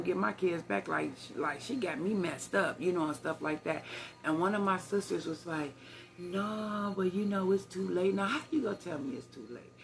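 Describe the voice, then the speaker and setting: A woman's voice: low-pitched, gravelly. An older woman, chatting to her viewers in a rambling storytime vlog recorded on her phone. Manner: rambling, conversational, addresses viewers as y'all. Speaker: vlogger.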